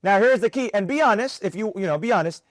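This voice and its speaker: High voiced guy teaching a trading class, keeps asking the room stuff, dry sound. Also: quick pace, dry recording. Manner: animated, questioning the room. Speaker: trading instructor.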